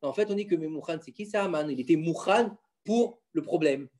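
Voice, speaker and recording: Animated father quizzing his children. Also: on the high side, brisk. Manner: animated, quizzing listeners with questions; insistent, keeps the floor. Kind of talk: casual Torah lesson at home.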